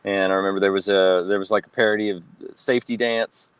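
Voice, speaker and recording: A man's voice: sits low, steady tone, quick pace, smooth, no room sound. Hesitant man in his forties, dry sound. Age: 40s. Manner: hesitant, filler-heavy recollection. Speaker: co-host. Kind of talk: casual reaction chat.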